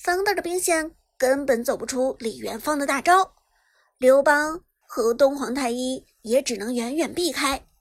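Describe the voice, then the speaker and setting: High-voiced woman narrating a web novel. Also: moderate pace. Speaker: audiobook narrator. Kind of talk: scripted narration.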